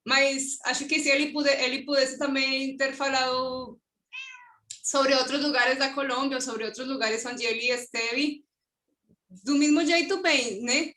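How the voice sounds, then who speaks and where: A woman with a Colombian accent and a high, bright voice answers questions on an online academic panel. She is a native Spanish speaker and hesitates, hunting for the right word and often adding a questioning tag. Her video-call sound carries a noticeable room echo. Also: steady tone, a little slow. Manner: hesitant, searching for words, many tag questions. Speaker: conference presenter.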